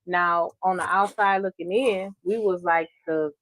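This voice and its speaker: Low-voiced woman, earnest and preachy. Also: fairly even intonation, fairly bright tone. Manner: earnest, preachy, drawn-out emphasis. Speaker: podcast co-host. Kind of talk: casual advice chat.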